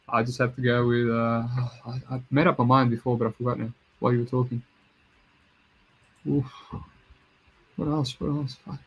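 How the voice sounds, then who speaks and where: Recorded at low quality, a man's medium-pitched voice hosts a casual podcast chat. His accent is a mix of Serbian and Australian, and his manner is relaxed, with occasional swearing.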